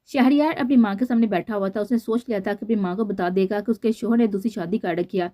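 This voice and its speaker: A woman narrating a romance novel aloud in a steady storytelling manner. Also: medium pitch. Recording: dull lo-fi recording.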